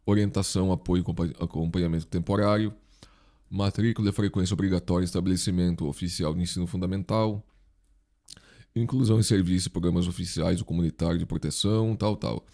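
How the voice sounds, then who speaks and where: A fast-talking Brazilian man with a low, creaky, dark voice and fairly even intonation teaches an informal exam review. He's an instructor and online video host, and a dental retainer in his mouth slightly impedes his articulation.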